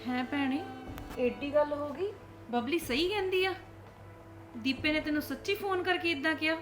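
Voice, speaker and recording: A woman plays a protective middle-aged mother in a family drama, high-voiced, questioning closely. She sounds concerned and quick to defend her sister. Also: fairly bright tone, faint music behind. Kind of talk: Punjabi short film acting.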